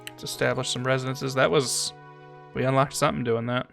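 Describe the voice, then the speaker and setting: A man streaming a strategy game, chatting casually, thinking aloud, talking to his chat, and sometimes reading game text aloud slowly. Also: mid-range voice, little pitch movement, creaky, fairly bright tone, soft background music. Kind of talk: casual gameplay commentary.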